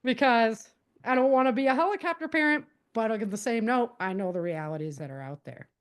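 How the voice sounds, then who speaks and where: Fairly quick and expressive, her high voice carries emphatic conversational advice as she guests on a podcast. This middle-aged author and self-defense advocate repeats key points and acts out example dialogue.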